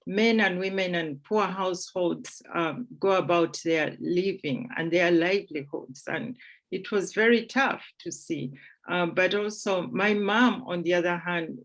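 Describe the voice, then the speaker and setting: A woman in her forties from Uganda, speaking as a guest at a panel discussion, measured with frequent fillers. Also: on the low side.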